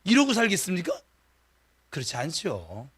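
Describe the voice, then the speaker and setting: High-pitched guy preaching in church, animated, acts out little voices, talks right at the congregation. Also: normal speed, slightly rough. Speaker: pastor. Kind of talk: sermon. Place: church sanctuary.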